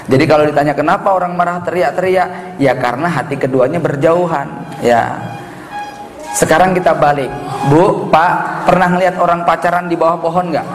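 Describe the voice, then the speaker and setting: A man preaching to a live audience, questioning them often, swinging between low asides and high emphatic lines. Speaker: Islamic preacher. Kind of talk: lively religious lecture with audience questions. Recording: echoey hall with crowd.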